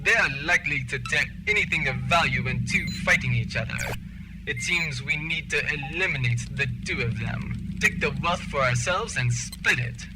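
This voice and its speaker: A man playing an impatient, scheming rival space major in a sci-fi comedy audio drama, blustering and easily exasperated, over loud backing sound. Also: on the high side, lively intonation, normal speed, over loud music, lightly acted, low-quality recording.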